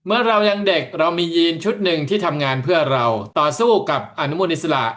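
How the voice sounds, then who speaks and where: A man interpreting a talk into another language in steady, continuous stretches after each passage. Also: on the high side, fast. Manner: steady, continuous rendering of the speaker's points. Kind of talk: consecutive interpreting.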